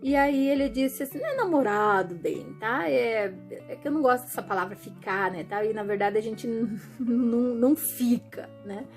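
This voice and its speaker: A woman talking to her viewers in a chatty, animated way, often acting out what other people say. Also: on the high side, moderate pace, hardly any pauses, faint music behind. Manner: chatty, animated, acts out quoted voices. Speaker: vlogger. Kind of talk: casual monologue to camera.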